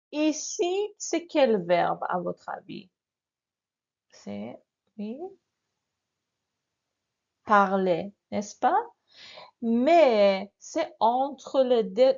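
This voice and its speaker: A woman teaches a beginner French grammar lesson at a very slow, deliberate pace. She repeats each form patiently and keeps checking in with her students. The recording sounds a little dull and lo-fi. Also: mid-range voice, a little mellow. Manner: very slow, repeats words, often asks "n'est-ce pas?".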